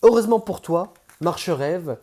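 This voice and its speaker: A man's voice: high voice, expressive, normal speed, mellow, voice pushed up. A man reading an audiobook voices a cold, stern otherworldly being, lecturing and haughty.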